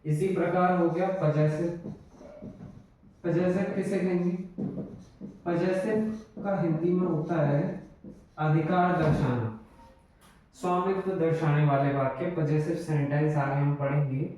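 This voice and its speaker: Male grammar teacher, unhurried explaining, slightly high voice, far from the mic, heavy room echo. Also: fairly even intonation, warm tone. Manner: slow, explanatory, repeats examples. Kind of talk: classroom lesson in Hindi.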